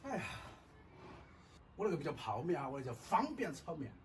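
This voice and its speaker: A middle-aged man with a Sichuan-Chongqing accent chats in a folksy, casual food-vlog style. His pitch moves around a lot. The sound is roomy and a little away from the mic, with faint music. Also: sing-song, a little fast, recorded from a distance, noisy background. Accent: Sichuan-Chongqing Mandarin. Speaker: food vlogger. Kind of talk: casual chat while cooking and eating. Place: indoors, home cooking area.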